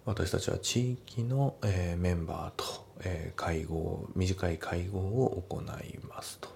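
A man with a very low, gravelly voice talks through an English test lesson, breaking each sentence into parts. He reads the English lines slowly and deliberately, then drops back into relaxed explanation. A faint low rumble sits under the recording. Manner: explains grammar step by step, slowly models English lines, casual Japanese asides. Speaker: English teacher. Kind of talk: TOEIC lesson walkthrough.

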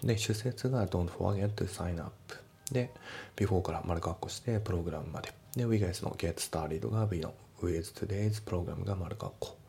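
Low gravelly man explaining English grammar. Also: mellow, slight background noise. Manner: breaks sentences into parts, reads English lines slowly. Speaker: English teacher.

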